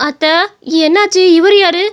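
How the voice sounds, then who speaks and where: Young daughter-in-law for a cartoon: high, whiny, insistent; a woman voices her. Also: fairly even intonation, moderate pace, lo-fi sound.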